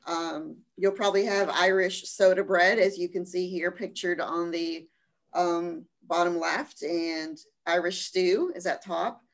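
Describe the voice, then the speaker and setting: A woman's voice: fairly low pitch, steady tone, unhurried. Chatty woman presenting a study trip. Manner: chatty with frequent ums and small laughs. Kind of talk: virtual fair slideshow presentation.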